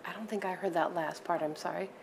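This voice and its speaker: Female administrator, deep for a woman, plainly explaining answers at a public meeting. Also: steady tone, fast talker, vocal fry, a crowd in the background. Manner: matter-of-fact, explanatory. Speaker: school district administrator presenting. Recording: faintly noisy meeting room.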